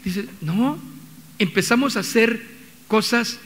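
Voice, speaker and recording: This pastor, who has a Mexican accent, takes his sermon slowly in a high-sitting, fairly bright voice. His delivery is conversational, with many restarts and quotes he acts out, and the recording carries the long reverb of the church hall where he preaches.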